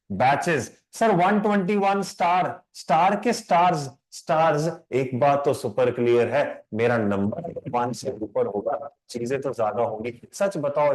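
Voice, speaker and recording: Lively man teaching English grammar. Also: on the high side. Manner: lively and conversational, mixes English into Hindi, quizzes students. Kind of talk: live online lecture.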